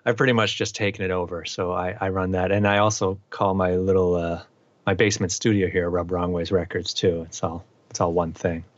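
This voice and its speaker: This relaxed, rambling middle-aged musician from eastern Massachusetts talks briskly in a low-pitched voice during a casual interview, using many fillers. The recording has no room sound and sounds muffled.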